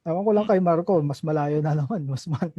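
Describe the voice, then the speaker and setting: A man from the Philippines adds short, agreeable remarks as a podcast guest. His voice is very dark and husky, a little higher than most men's. The call audio is dry and dull. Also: fast talker, no room sound. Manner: brief, agreeable interjections. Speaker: guest, overseas worker. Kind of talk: casual chat.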